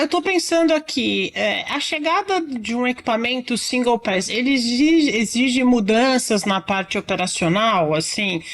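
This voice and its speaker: A woman's voice: on the high side, a bit bright. A woman with a Brazilian accent asking casual questions as an interviewer.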